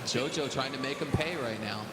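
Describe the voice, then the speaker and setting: A man calling wrestling play-by-play live in excited, punchy, exclamatory bursts. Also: mid-range voice, moderate pace. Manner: exclamatory, punchy short calls. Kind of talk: excited live sports commentary. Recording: echoey venue, loud background noise.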